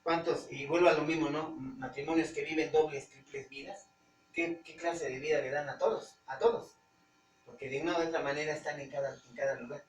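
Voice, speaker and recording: Mexican pastor preaching in a roomy hall. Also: male voice, on the high side, steady tone. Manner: conversational, halting, searches for words. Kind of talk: informal Bible-study preaching. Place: church hall. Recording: roomy church hall, distant mic, faint hum.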